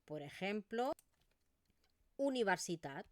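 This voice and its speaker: A woman's voice: mid-range voice, sing-song, slow pace, no echo, clean studio sound. A woman with an Eastern Catalan accent teaching pronunciation in an online video lesson, modelling vowel sounds as she explains.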